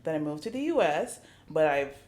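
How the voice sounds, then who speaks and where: A woman's voice: low voice, animated, a little fast, a little mellow. Reflective young woman telling her story. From Nigeria. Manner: reflective storytelling, full of fillers. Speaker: podcast guest. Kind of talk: casual interview chat.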